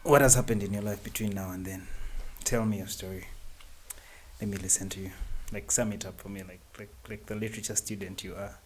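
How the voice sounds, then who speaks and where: A man's voice: on the low side, fairly even intonation, brisk, slight background noise. A man hosting a casual podcast interview, teasing his guest and pressing with questions. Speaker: podcast host.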